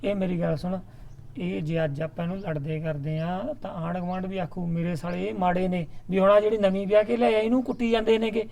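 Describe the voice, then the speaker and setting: A man's voice: sits high, fairly even intonation, fast talker, creaky, darkish tone, a little hiss or hum. A man with a Punjabi accent acting in a village drama, coaxing and placating a brother.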